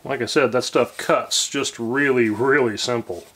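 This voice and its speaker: A man in his forties hosting a casual workshop tutorial, talking in a relaxed, rambling way with many fillers and restarts, recorded in a home workshop on a camera a few feet away. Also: mid-range voice, unhurried, noisy background. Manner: relaxed and rambling, lots of fillers and self-corrections. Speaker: woodworking channel host.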